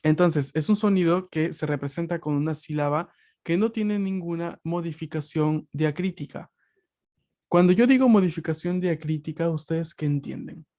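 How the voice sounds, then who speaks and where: A man's voice: fairly high pitch, normal speed, warm tone. A male teacher with a slightly raised voice walks students through an online lesson, patient and methodical. He explains step by step over a video call and keeps checking that everyone follows. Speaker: language teacher. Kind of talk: online class lecture.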